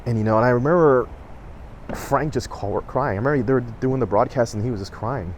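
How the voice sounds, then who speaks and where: A man's voice: mid-range voice, a little fast. Rambling middle-aged man, faint background noise. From Southern California. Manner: rambling, many fillers and self-corrections. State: emotional, choking up. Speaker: vlogger. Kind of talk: personal storytelling to camera.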